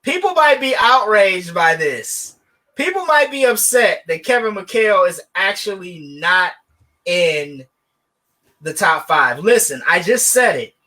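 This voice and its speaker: High, bright-voiced man debating sports. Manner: animated, joking, sarcastic asides. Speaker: podcast co-host. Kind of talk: casual sports debate chat.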